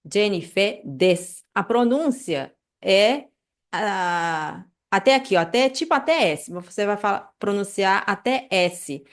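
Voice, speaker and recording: A woman's voice: medium pitch, a little slow. Chatty woman teaching a class. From Brazil. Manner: chatty, many fillers like "né" and "tá", animated asides. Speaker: Japanese language teacher. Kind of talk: live online class, casual explanation.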